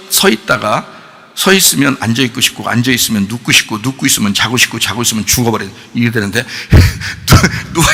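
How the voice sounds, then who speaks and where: A man preaching a sermon as pastor, who questions his congregation and acts out quoted voices, swinging from soft to loud. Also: medium pitch, vocal fry, breathy edge, in a large hall. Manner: animated, asks the congregation questions. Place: church sanctuary.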